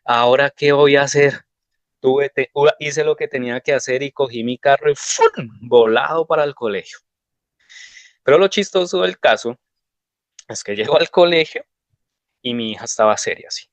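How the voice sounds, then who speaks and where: A man's voice: medium pitch, moderate pace, long pauses, dry recording. A man giving a devotional sermon, telling personal stories in a conversational way. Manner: conversational, anecdotal storytelling.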